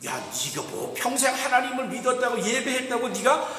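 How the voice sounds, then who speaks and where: A man's voice: extremely high pitch, big pitch swings, normal speed, sharp tone, far from the mic, heavily acted. A male pastor voicing Satan as a mocking, scornful accuser in a sermon, recorded in an echoey church hall. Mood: taunting.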